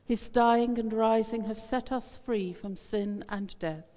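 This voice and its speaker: A woman priest leads communion in a measured, solemn intoning voice, heard in a long cathedral echo. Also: on the high side, fairly even intonation, mellow. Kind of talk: reciting a liturgical prayer. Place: large church. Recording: cavernous church reverb, distant.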